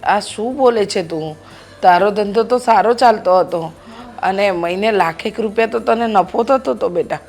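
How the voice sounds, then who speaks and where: An actress playing a sick older mother who calms her family, in a short drama. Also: medium pitch, normal speed, faint music behind, lightly acted. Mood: soothing. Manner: soothing, reassuring. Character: ailing older mother, soothing and worried.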